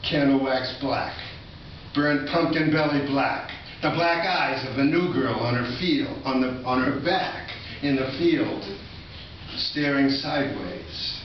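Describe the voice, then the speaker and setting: A slow, medium-pitched reading from an older Massachusetts poet, who breaks into casual memories at an indoor college event. The lo-fi audio was captured at a distance, leaving it echoey and noticeably noisy.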